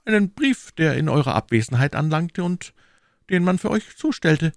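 A man's voice: fairly high pitch, lively intonation, normal speed, gravelly, no echo, clean studio sound, voice pushed up. A man voicing a young musketeer in an audiobook, earnest and wry with a teasing edge. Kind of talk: audiobook character voice.

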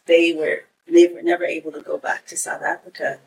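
A woman in her forties who grew up in Kenya, a podcast guest telling stories in a relaxed way with frequent "you know". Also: lowish voice, brisk, gravelly, distant mic, low-quality recording. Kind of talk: casual conversation.

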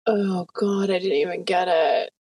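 A woman's voice: on the low side, unhurried, a little mellow, no room sound. A woman hosting a casual podcast, playful and self-mocking. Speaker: podcast host. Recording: dry, slightly distant mic.

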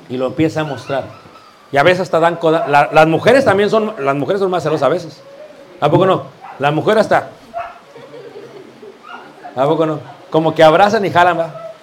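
Brief: male preacher, high voice, animated sermon with rhetorical questions. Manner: lively preaching, rhetorical questions, addresses "hermanos".

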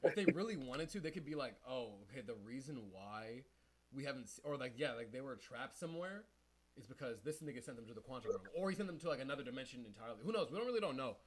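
A young man co-hosting a casual podcast, rambling in slang as he reacts to movie trailers. His pitch swings around a lot as he talks. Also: animated, fast, husky, poor audio. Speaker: podcast co-host.

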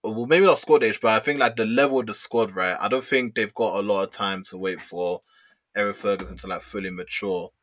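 A man's voice: fairly low pitch, brisk, a bit bright. A young man with a London roadman accent, debating football casually in slang peppered with "bro", "man" and "yeah". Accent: London, urban street slang (roadman).

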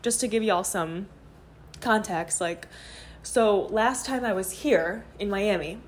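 Speaking slowly in a mid-range voice, a woman records her podcast as a phone voice memo while moving around her apartment. It's candid, rambling, filler-heavy out-loud journaling, with slight background noise.

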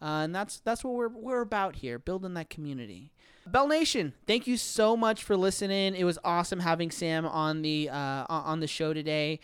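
Male podcast host, casual and jokey, smooth voice, dry sound. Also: sits high, moderate pace, no room sound. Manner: laid-back, joking, lots of fillers.

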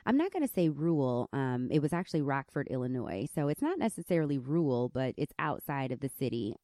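A candid woman with a country accent hosts a personal, reflective podcast monologue, telling stories animatedly and laughing along the way. Her voice is high and squeaky, recorded in studio quality with no room sound.

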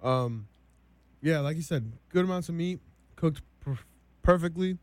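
A young man co-hosting a food taste test, reviewing each dish slowly and deliberately with many ums. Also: fairly high pitch, animated, a little mellow, dry recording. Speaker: co-host.

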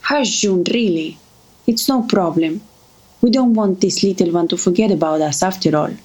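An actress playing a warm, motherly older woman who speaks gently and affectionately. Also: mid-range voice, normal speed, a little hiss or hum, close to an everyday voice, rough recording. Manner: gentle, affectionate, calls others darling. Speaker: family friend. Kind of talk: drama acting.

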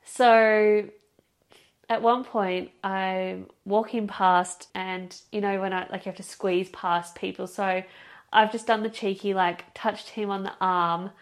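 A young woman hosting a podcast, telling a story in a casual, expressive way, with lots of "like" and the odd swear. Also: medium pitch, slow. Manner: chatty, expressive, heavy use of "like" and swearing. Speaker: podcast host.

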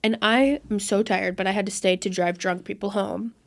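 A young woman in her late teens, co-hosting a casual chat and telling stories in an animated way, laughing often. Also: medium pitch, normal speed, vocal fry. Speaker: podcast co-host.

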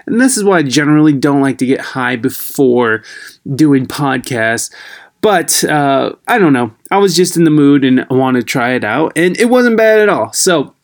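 Male podcast host, mildly high, halting and rambling, voice sits a bit high, tinny laptop-mic sound. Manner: rambling, halting, loses his train of thought. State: a little high. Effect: recorded through a laptop's built-in microphone, tinny. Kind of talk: casual podcast intro. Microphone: laptop built-in microphone.

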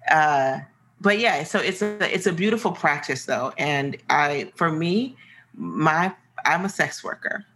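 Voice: mid-range voice, lively intonation, unhurried, pushed and bright, low-quality recording. An interview guest from the American Midwest, explaining earnestly and searching for the right words. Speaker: interview guest, sex coach. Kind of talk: casual interview conversation.

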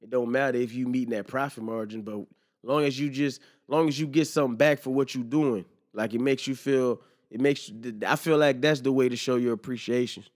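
A young man hosting his own podcast, talking in a rambling, slangy, casual monologue, swearing freely and filling pauses with "you know what I'm saying". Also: mid-range voice. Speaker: podcast host.

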